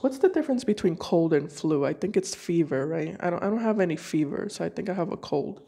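Sitting at a decorated card table in a room at home, a tarot reader with a cold lays out cards for her viewers. Her voice is fairly low, mellow and creaky, brisk and expressive. She keeps it casual, musing aloud with halting restarts.

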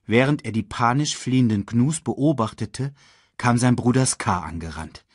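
A man reading a children's story aloud in a slow, dramatic storytelling manner. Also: slightly rough, no room sound, clean studio sound. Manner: slow and dramatic, very lively in pitch. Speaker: audiobook reader. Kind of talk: storybook narration.

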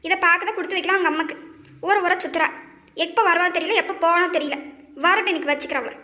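A shrill, bright cartoon grandmother, voiced by a woman, grumbling and scolding without pause. The very high, sped-up voice rings in a roomy, echoey space. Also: a little hiss or hum. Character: scolding old grandmother, mother-in-law, nagging.

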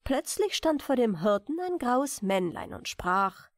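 A woman storyteller narrating a German fairy tale in a measured, expressive bedtime manner. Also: a little high, dry recording, studio quality.

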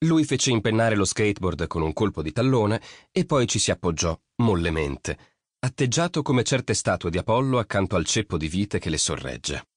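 A man narrating an audiobook in an expressive storytelling reading. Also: fairly low pitch, normal speed, no echo, studio quality. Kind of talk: scripted narration.

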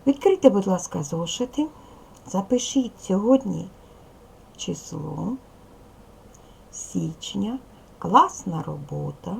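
A woman's voice: mid-range voice, expressive, slow pace, gravelly, pauses often, a little hiss or hum, rough recording. A woman primary school teacher giving a recorded video lesson to young pupils, patiently explaining, asking questions and praising answers.

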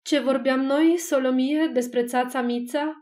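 A woman's voice: sits high, steady tone, a little mellow, close to an everyday voice. A woman reading as a fretful older wife. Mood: fretting.

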